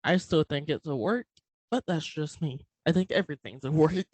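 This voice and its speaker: A man's voice: on the high side, moderate pace, a little mellow, no room sound, low-quality recording. A man co-hosting a podcast, giving short, terse replies in casual chat. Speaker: podcast co-host.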